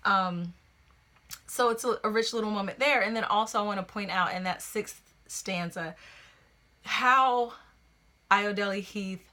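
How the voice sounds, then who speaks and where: A young adult woman giving a casual, conversational poetry lecture, animated and quick to restart her phrases as she explains. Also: mid-range voice. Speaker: poetry teacher.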